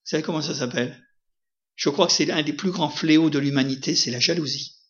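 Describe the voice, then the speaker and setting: A man's voice: a little high, fast talker, highs cut off. A man preaching a sermon in a conversational way, often asking his listeners questions. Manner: conversational, asks the audience questions, frequent "hein".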